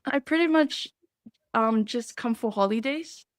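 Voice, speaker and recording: A young woman from Samoa speaks with a fairly high, clear voice, earnest and reflective as a podcast guest. The sound is close and dry, with no room echo. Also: measured pace. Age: young adult. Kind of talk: podcast interview.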